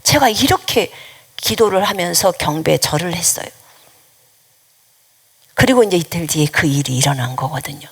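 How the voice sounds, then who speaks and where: A woman's voice: fairly low pitch, lively intonation, moderate pace, pauses often, breathy edge. A woman missionary preaching a sermon, giving earnest personal testimony with an emphatic, repetitive cadence. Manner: earnest testimony, dropping at times to a hushed, near-whispered voice.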